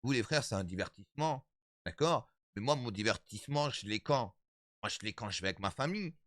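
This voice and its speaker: A man of thirty-five chatting casually with his stream viewers, animated and repetitive, calling them his brothers. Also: medium pitch, no room sound, clean studio sound. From Italian background. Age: 30s.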